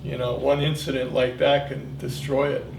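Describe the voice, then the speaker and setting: A man in his seventies, a military veteran, reminiscing in an interview in a halting, reflective way. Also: mid-range voice, little pitch movement, gravelly. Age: 70s. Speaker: Vietnam veteran being interviewed. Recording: echoey room, distant mic, faint noise.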